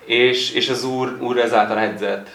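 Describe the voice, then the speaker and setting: A man's voice: medium pitch, steady tone, creaky, a bit bright. Man interpreting a sermon, echoey room. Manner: halting, repeating and restarting words. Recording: echoey room with faint noise.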